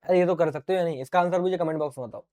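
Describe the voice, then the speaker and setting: In an online physics lecture for exam students, a high-voiced middle-aged man talks rapid-fire, calling viewers his dear children. Lively and playful, he answers his own questions like a student would, staging little exchanges. His throat is getting sore from all the talking.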